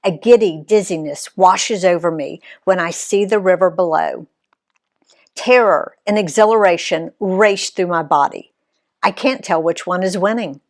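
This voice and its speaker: A woman from Alabama, USA, reads her own travel story aloud in a fairly low voice. Her reading is unhurried, lively and expressive, giving each quoted character a voice of their own.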